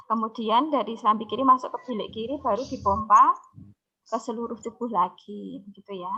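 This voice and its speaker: Woman teacher with a high voice. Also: muffled recording. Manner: explains step by step, repeats key words, frequent "ya" checks. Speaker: science teacher. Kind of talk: online exam review lesson. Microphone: video call.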